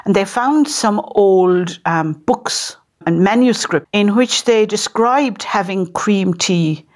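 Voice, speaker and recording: A woman's voice: medium pitch, takes it slowly, a little mellow. A middle-aged woman explaining how to serve afternoon tea at home in a chatty, informal way, often repeating words as she searches for them.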